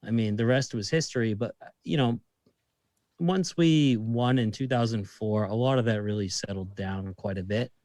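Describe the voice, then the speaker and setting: A man in his thirties with a Boston accent chats as a podcast guest. He tells stories with lively energy and swears easily. The recording is dry and close. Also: fairly low pitch, moderate pace, no room sound. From Massachusetts. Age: 30s. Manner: lively storyteller, swears casually. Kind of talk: casual chat.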